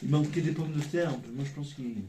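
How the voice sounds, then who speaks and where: A man's voice: on the high side, fairly quick, warm tone. A man chatting casually as a tasting host, munching crunchy chips as he talks. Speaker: snack tasting video host. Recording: roomy echo, distant mic, faint noise.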